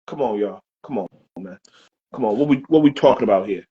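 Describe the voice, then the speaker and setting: A man co-hosting a casual sports podcast, animated and repeating phrases for emphasis. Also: lowish voice, a little fast, husky, highs cut off. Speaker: podcast co-host. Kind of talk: casual sports barbershop chat.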